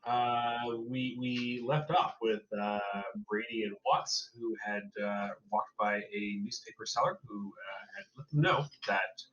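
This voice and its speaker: Bright-voiced male game master, rambling. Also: medium pitch, measured pace, hardly any pauses, highs cut off, soft background music. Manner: rambling, full of uh fillers. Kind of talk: narrating a tabletop horror game.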